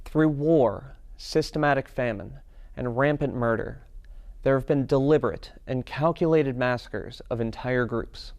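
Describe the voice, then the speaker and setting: A man reading scripted documentary narration in a measured, dramatic voice-over style. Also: medium pitch, creaky, darkish tone, no room sound. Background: music.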